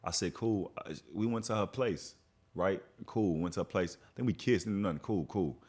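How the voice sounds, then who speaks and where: A man's voice: deep voice, normal speed, breathy edge. A young adult man from Texas hosting a podcast, in casual chat and telling stories with acted-out quotes. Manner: animated storytelling, acts out quotes. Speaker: podcast host.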